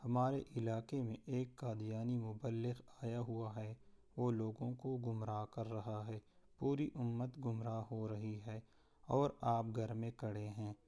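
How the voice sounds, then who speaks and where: A man's voice: mid-range voice, little pitch movement, dark tone, lightly acted. A man voicing a distressed old man who brings urgent news, speaking in a reproachful way.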